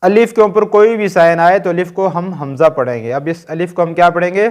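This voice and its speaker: A man with a Pakistani Urdu accent and a high-pitched, slightly mellow voice teaches Quran reading in a recorded lesson, speaking a little fast. He patiently drills short sounds one by one and checks that learners are following.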